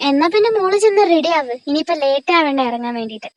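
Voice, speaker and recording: A caring middle-aged mother, put on by a woman, with a high voice. She fusses gently in a fan-made audio story. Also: expressive, quick pace, dull audio. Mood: gentle.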